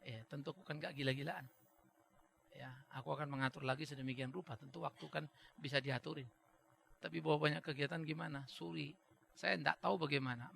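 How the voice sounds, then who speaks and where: A man's voice: a little high, gravelly, fairly bright tone. A male pastor preaching a sermon who acts out little dialogues and drops in English phrases.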